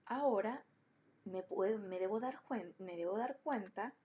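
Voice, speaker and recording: A woman's voice: mid-range voice, a little slow, dark tone, lo-fi sound. A woman teacher explaining a lesson patiently, step by step, to schoolchildren. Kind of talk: recorded online class.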